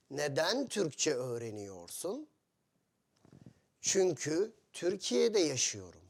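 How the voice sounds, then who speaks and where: A male teacher speaks very slowly, one short phrase at a time, with a lively voice that rises and falls widely. He sits fairly high for a man and repeats each example patiently for foreign learners. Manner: slow, simple phrasing with many repetitions and questions to learners. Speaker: Turkish teacher. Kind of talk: language lesson for foreign learners.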